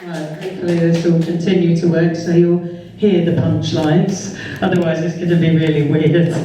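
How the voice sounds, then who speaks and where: A woman's voice: on the low side, flat delivery, normal speed, recorded from a distance, background noise. A woman from England doing a stand-up comedy set in a comedy club, wry and self-mocking and swearing freely, with audience laughter behind her. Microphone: stage microphone. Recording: echoey club room, off-mic.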